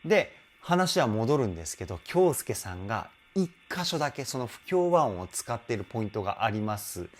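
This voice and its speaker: A man's voice: medium pitch, sing-song, normal speed, hardly any pauses. A man working as a vocal trainer, giving enthusiastic, explanatory commentary as he analyzes a song.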